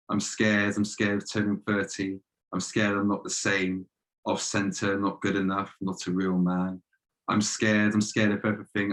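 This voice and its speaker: A young man reads his own poems on a video call, his voice sitting low and staying flat. His delivery is measured and steady and leans on repeated refrains. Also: rough recording. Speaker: guest poet. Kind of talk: poetry reading.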